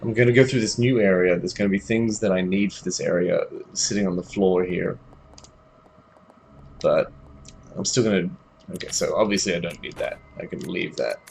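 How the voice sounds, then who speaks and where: A young Australian man with an Australian accent streams a game, thinking aloud, chatting with viewers and yelping when startled in casual live commentary. His low-pitched voice has vocal fry and a slightly mellow quality at a moderate pace. A little hiss or hum is present.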